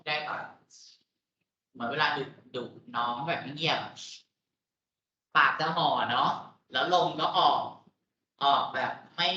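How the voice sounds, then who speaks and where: A man's voice: a little high, takes it slowly, pauses often, bright, forceful tone. A man with a Thai accent teaching English pronunciation in a lecture, patiently explaining and repeating words. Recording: echoey room, dull lo-fi audio.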